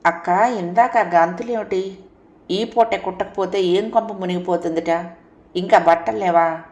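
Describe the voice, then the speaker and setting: A woman's voice: lowish voice, steady tone, normal speed, darkish tone, echoey room, lo-fi sound, close to an everyday voice. A woman voicing a curious, guarded young wife.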